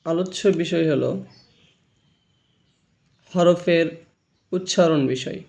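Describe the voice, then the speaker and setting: A man with a notably high voice teaches a Quran reading lesson at an unhurried pace. He poses questions to his learners and drills each letter sound through repetition. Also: creaky, a little mellow. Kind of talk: slow spoken lesson on letter pronunciation.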